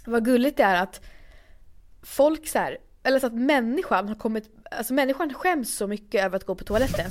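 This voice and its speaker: A young woman co-hosts a casual conversation, talking in a loose, rambling way full of fillers. Her voice sits slightly high for a woman. She comes from Sweden. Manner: chatty, rambling, lots of fillers. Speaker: podcast co-host. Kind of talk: casual chat.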